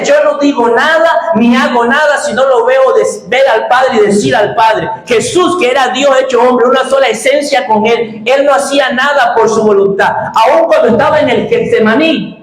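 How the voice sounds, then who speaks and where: A man preaching a sermon as pastor, slowing down for emphasis and sometimes breaking into shouts. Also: very high-pitched. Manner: impassioned preaching, shifting between slow emphatic phrases and sudden shouts. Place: church. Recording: very echoey church sanctuary.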